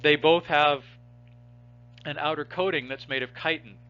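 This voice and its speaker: Male lecturer with a bright, forceful voice, patient and explanatory, checking in with his students; muffled lo-fi sound. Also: a little high, steady tone, normal speed, clean tone. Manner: explanatory, asks students rhetorical questions, frequent restarts. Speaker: biology instructor. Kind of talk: recorded lecture.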